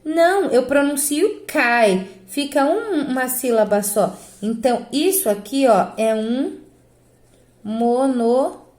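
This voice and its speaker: Brazilian woman teacher, higher voice, step-by-step grammar explainer, echoey room. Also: unhurried, few pauses, darkish tone. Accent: Brazilian Portuguese. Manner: explains step by step, asks herself rhetorical questions. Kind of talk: grammar lesson correcting exercises.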